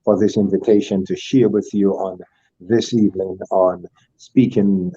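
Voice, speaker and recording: Older man, low mellow voice, muffled call. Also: steady tone, unhurried, husky, no echo. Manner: ornate, churchly phrasing with many fillers and restarts. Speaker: guest speaker, school alumnus. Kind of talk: formal online panel talk.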